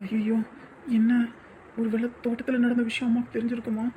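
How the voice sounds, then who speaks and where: A man's voice: very high-pitched, completely flat delivery, brisk, dark tone, slight background noise. An actor playing a grown son who stammers and hesitates before his mother in a family drama. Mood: nervous.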